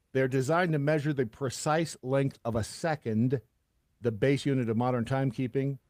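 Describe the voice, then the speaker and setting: A man in his early sixties co-hosting a podcast, chatting casually with dry, deadpan humor. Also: mid-range voice, no echo. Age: 60s. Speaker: podcast co-host. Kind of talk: casual chat.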